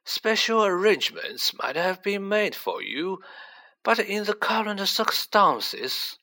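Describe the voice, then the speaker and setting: A man voicing a kindly old wizard headmaster with a feeble, wavering voice, speaking slowly in a storybook reading. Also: high voice, sing-song, sharp tone, pitched above the performer's own voice, exaggerated voice, poor audio. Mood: sympathetic, apologetic. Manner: slow, kindly, sighing.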